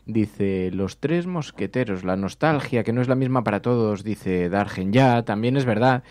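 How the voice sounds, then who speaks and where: Animated man, radio host. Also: on the low side, normal speed, dry recording. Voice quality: animated storyteller, acts out quotes. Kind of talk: casual chat.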